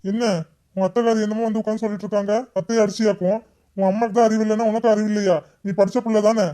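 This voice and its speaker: A woman's voice: medium pitch, level tone, racing, mellow, lightly acted. A woman voicing a grown man, a stern husband and father in a cartoon family quarrel. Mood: gruff.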